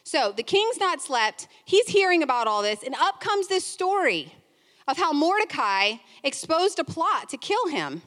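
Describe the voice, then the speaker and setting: A woman preacher retelling a Bible story in a sermon, lively, with chatty asides. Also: high voice, measured pace. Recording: long hall reverb.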